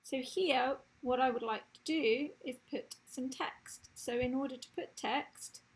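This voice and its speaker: A woman's voice: sits high, a little slow, rough recording. A woman losing her voice, explaining step by step in a screen-recorded website tutorial. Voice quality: husky, gravelly.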